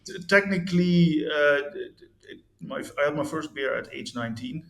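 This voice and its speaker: This guest, a man in his fifties from the Netherlands, shares his story in a candid interview, hesitant and prone to restarts and fillers. His voice is a little high and fairly bright, with vocal fry, at a moderate pace, in an echoey room.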